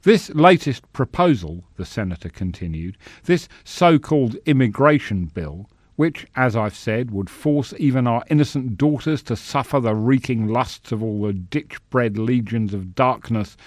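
A man's voice: medium pitch, animated, unhurried, a little mellow, dry recording, close to an everyday voice. A man voicing a bigoted halfling senator who orates in a bombastic, declaiming style, recorded dry. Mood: orating. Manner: bombastic, declaiming filibuster speech.

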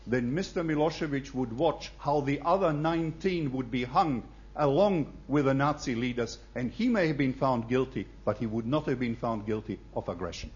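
A man from the audience making a forceful, argumentative point at a public debate. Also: mid-range voice, animated, normal speed, few pauses, highs cut off. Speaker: audience member asking a question. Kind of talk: public debate floor question.

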